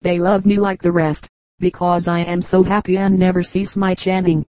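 A woman reading the part of a cheerful talking brook in a storybook, gentle and fond, with an even, mellow voice. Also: lowish voice, normal speed, no echo, natural voice, poor audio. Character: cheerful chattering brook, endlessly happy.

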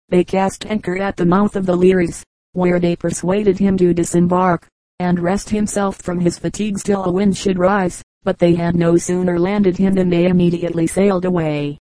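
A woman reading a history book aloud as scripted narration, at a measured, even pace. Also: fairly low pitch, no echo, rough recording. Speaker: audiobook reader.

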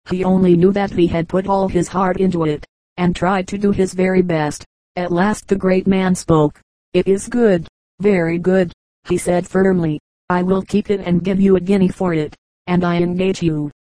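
A woman reading a storybook aloud in a steady, even narrating manner. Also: fairly low pitch, dry recording, low-quality recording. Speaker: audiobook reader.

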